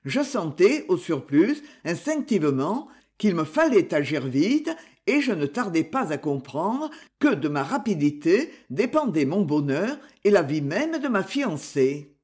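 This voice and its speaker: A reader voicing a confident young gentleman detective, explaining his reasoning in a measured, storytelling way in an audiobook. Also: medium pitch, sing-song. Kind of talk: audiobook character reading.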